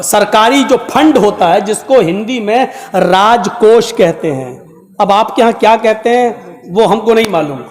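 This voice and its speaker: A man from Uttar Pradesh, India, preaching a dramatic, moralizing story sermon at a religious gathering and speaking straight to the crowd. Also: high-pitched. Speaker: maulana, preacher. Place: large gathering hall. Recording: echoey hall with long reverb.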